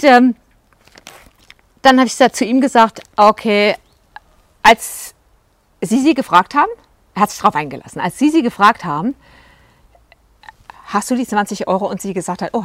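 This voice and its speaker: Dry-voiced German couples coach, storytelling. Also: female voice, mid-range voice, no echo. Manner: recounts client sessions, acting out quoted lines; conversational, with fillers and asides. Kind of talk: storytelling talk to video viewers.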